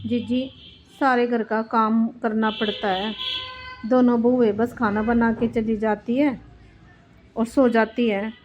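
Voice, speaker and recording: Cartoon elderly mother-in-law, self-pitying and put-upon, high voice, dull lo-fi sound with faint music, voiced by a woman. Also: flat delivery, slow pace, a little hiss or hum. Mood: complaining.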